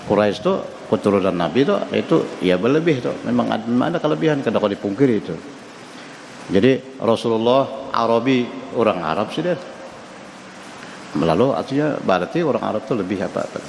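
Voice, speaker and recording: A man's voice: on the low side, lively intonation, a little fast, gravelly, pauses often, a little mellow. Fields: Sex: man. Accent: Banjar. Role: mosque teacher. Style: study-circle lecture. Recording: echoey hall with long reverb, faint noise. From South Kalimantan, Indonesia. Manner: conversational, asks the audience questions and chuckles. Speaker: religious teacher.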